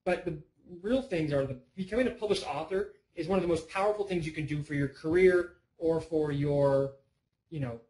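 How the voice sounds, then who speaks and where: Man, webinar presenter, casual and rambling, voice a touch high. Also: a little mellow, low-quality recording. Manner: rambling, chatty, self-interrupting. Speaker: online course presenter.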